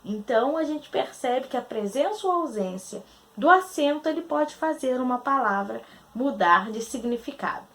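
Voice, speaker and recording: A woman teacher from Brazil reviews a quiz with a high voice that rises and falls a lot. She puts questions to the class and answers them herself, and she slows down to spell out syllables. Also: expressive, fairly bright tone. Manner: spells out syllables slowly and deliberately. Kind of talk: recorded grammar lesson.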